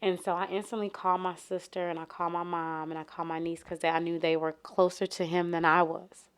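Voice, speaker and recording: A St. woman recounting a loss in a low, flat voice. She talks haltingly, with many fillers and restarts, and her emotion stays close to the surface. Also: smooth. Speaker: interviewee, mother of a shooting victim. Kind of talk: personal testimony.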